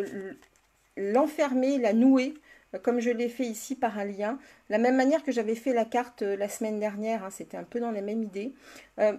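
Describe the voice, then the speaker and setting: A woman's voice: fairly high pitch, a little mellow. A woman leading a live card-making tutorial, chatting with viewers by name and laughing often as she works. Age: older. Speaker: crafting demonstrator.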